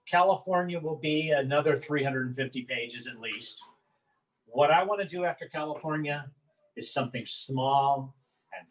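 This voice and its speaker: A man's voice: medium pitch, rough recording. A man talking as a wine book author, enthusiastic and prone to repeating words as he starts sentences. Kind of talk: promotional chat.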